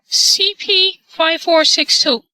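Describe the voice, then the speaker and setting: A man using voice changer software to sound like a calm, cooperative woman on a prank phone call. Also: extremely high pitch, slow pace, no echo, exaggerated voice. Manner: calm and cooperative, answers briefly. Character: polite, unhurried adult woman caller. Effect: voice changer software making him sound like a woman. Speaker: prank caller.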